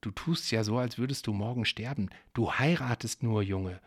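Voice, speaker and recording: A man reading aloud and voicing an earnest, dutiful young prince in his twenties who gently scolds his brother. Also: mid-range voice, normal speed, slightly rough, no echo, clean studio sound, close to an everyday voice. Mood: scolding.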